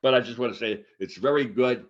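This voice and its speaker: A man in his eighties, co-hosting a casual chat show, rambling with many halting restarts and fillers. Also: mid-range voice. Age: 80s. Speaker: podcast co-host. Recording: dull lo-fi sound.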